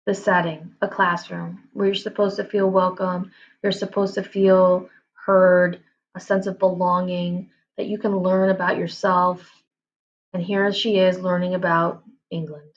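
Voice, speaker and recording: A woman teacher talking through a reading lesson, thoughtful and emotional, with pauses between her words. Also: fairly low pitch, vocal fry, dull audio. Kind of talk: recorded lesson walkthrough.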